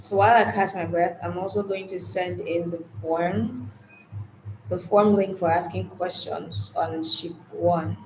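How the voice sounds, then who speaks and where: A woman's voice: lowish voice, steady tone, measured pace, a little mellow, a little hiss or hum. Chatty woman teaching a live class. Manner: chatty, repeats words, many restarts. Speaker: online course instructor. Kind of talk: live-streamed lesson, casual. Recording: roomy, faint ambience.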